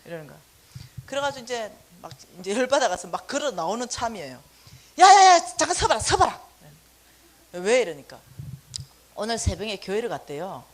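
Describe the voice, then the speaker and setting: A middle-aged woman giving a church finance lecture as lively storytelling, acting out dialogue with exaggerated voices. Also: mid-range voice, a little fast. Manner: animated, acts out dialogue with exaggerated voices and laughs.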